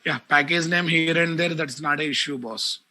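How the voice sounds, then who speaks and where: A man with a Telugu Indian English accent teaching a live online software class, repeating phrases and addressing his students directly. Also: fairly high pitch, moderate pace. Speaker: programming teacher.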